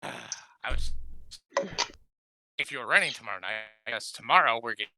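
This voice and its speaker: A young man chatting casually over a clipping, distorted mic, halting and stumbling over his words. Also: medium pitch, expressive, vocal fry, sharp tone, a little hiss or hum. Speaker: stream regular. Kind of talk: casual chat.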